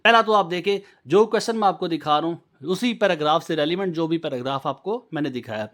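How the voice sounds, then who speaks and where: A man's voice: fairly high pitch, quick pace, fairly bright tone. A man, teaching an exam-prep lesson. He is earnest and reassuring. He goes over each point step by step and repeats it. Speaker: English teacher.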